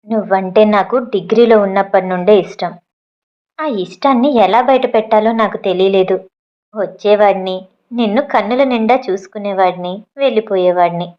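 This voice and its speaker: A woman's voice: mid-range voice, natural voice. A woman reading a loving young husband's lines in an affectionate, earnest way, in a dull lo-fi recording.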